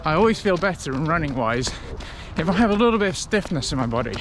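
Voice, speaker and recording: A man talking casually to camera as a running vlogger, in a reflective, conversational way with halting short phrases. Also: fairly high pitch, very animated, background noise. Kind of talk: casual vlog talk to camera.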